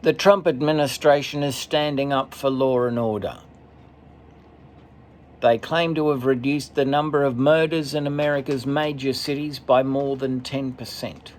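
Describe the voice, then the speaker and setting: A man commentating as he reads a list off a screen, steady, with occasional stumbles and asides. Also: medium pitch, a little hiss or hum. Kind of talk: reading from a screen, casual commentary.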